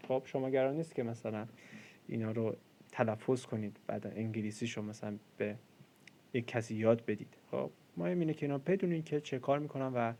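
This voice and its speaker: A man's voice: medium pitch, warm tone. A man in his twenties giving a casual coding lesson, chatty and self-deprecating, with lots of fillers. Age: 20s. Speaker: programming tutor.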